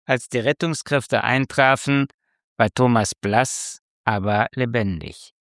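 A man reading a tense story aloud as narrator, with slow, measured delivery. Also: medium pitch, creaky, fairly bright tone, dry recording, studio quality. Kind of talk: scripted narration.

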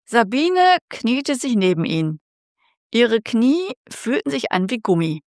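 A woman reading a tense story aloud as narrator, with slow, measured delivery. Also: on the high side, big pitch swings, no room sound, clean studio sound. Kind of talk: scripted narration.

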